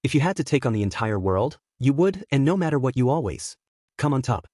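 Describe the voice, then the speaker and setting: Guy reading a sweet devoted girlfriend, soft and tender, lively pitch. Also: brisk, no echo, clean studio sound. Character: young woman, devoted and affectionate girlfriend.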